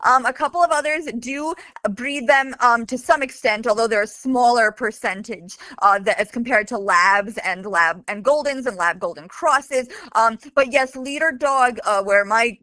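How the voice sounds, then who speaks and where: Woman guest from Bosnia, higher voice, dry close sound, detailed and chatty explainer. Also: normal speed, pushed and bright, dry recording. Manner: informative, detailed, frequent fillers. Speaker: podcast guest, guide dog handler. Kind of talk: conversational interview.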